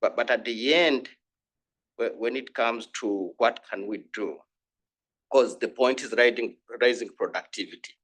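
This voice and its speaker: A man from Uganda, giving an earnest, halting comment in a conference panel and often restarting his sentences. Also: mid-range voice, a bit bright, low-quality recording. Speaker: panel discussant.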